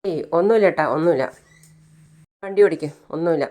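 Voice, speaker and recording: A narrator putting on a quiet, troubled young man. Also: mid-range voice, a little fast, lightly acted. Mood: subdued.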